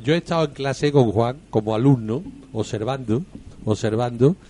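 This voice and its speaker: A man co-hosting a local radio show who speaks hesitantly, with many pauses. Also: medium pitch, mellow. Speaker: radio co-host. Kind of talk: casual chat.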